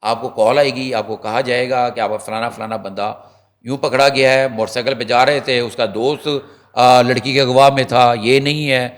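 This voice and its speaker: A man at an ordinary pitch talks as a guest journalist on a talk show. He tells his story in a lively, rambling way, full of restarts and asides to the viewers. He often slips into the voices of the people he is quoting. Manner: animated storyteller, acts out quotes; restarts and fillers, addresses viewers directly. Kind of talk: conversational talk show commentary.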